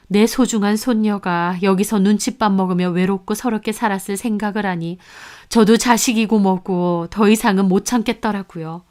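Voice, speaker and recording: A woman narrating a first-person story in a plain, steady reading voice. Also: mid-range voice, clear, resonant tone.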